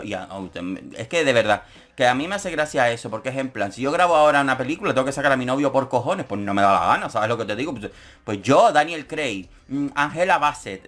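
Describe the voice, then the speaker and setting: A man's voice: mid-range voice, a bit bright. Camp, sarcastic man. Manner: camp, sarcastic, quick jokes. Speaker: YouTube commentator. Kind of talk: casual comedic commentary.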